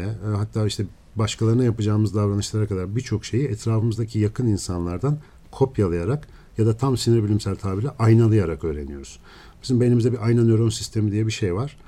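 A male neuroscientist guest giving steady, lecturing explanations in a radio interview. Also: lowish voice.

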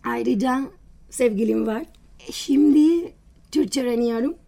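A young woman with a Spanish accent gives an interview in a high, mellow voice. She speaks slowly in broken, halting foreigner's phrases, often correcting her own word endings as a non-native speaker. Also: vocal fry. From Spain, Valencia. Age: 20s. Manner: halting, broken foreigner's Turkish with grammar slips and self-corrections. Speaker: interview guest. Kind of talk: personal interview.

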